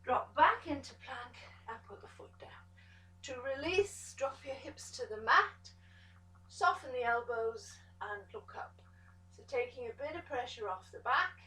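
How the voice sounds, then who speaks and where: A woman pilates instructor giving calm step-by-step cues to an exercise class, encouraging as she goes. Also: high-pitched, measured pace, far from the mic. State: out of breath at times. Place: pilates studio room. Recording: echoey studio room, voice from off the mic.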